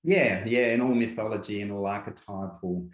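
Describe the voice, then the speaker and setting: An Australian man with a lowish voice talks through ideas in an unhurried, reflective way, often dropping in "yeah" and "yep". His voice carries a noticeable room echo. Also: dull audio. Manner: unhurried, filler-heavy, repeats "yeah" and "yep". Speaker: guest speaker, workshop presenter. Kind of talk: reflective conversational interview.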